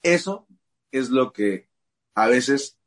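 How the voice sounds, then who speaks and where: A middle-aged Mexican man with a Mexican Spanish accent, a father telling an animated story as a guest in a casual chat. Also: mid-range voice, very slow. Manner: animated storyteller acting out quoted voices.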